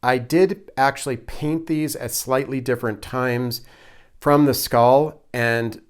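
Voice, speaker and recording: A man's voice: medium pitch, fairly even intonation, takes it slowly, clean tone. A man giving a casual, unscripted show-and-tell of a handmade project in a hesitant, thoughtful, self-deprecating way. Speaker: hobby prop maker, presenter.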